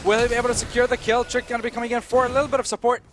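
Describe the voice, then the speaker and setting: A man's voice: extremely high pitch, little pitch movement, very fast. A man doing live play-by-play commentary on an esports match, with playful, teasing banter toward his co-caster.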